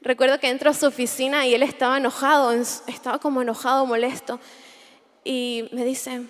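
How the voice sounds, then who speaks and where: A young woman gives an earnest, reflective testimony at a Bible conference, circling back over her phrases as she finds the words. Her voice sits on the higher side and carries a long reverberant tail from a large hall. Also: flat delivery, a little fast. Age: 20s. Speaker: conference speaker.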